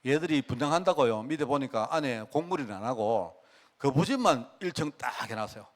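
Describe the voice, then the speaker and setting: A man's voice: mid-range voice, expressive, brisk. A middle-aged male pastor, preaching a folksy sermon full of rhetorical questions. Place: church sanctuary.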